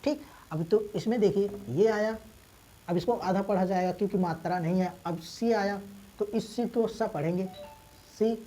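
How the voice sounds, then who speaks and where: A woman teacher who is unwell and coughs now and then, explaining reading rules step by step, spelling letters out slowly and asking and answering her own questions. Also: mid-range voice, dark tone, faint music behind, rough recording. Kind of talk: English reading lesson taught in Hindi.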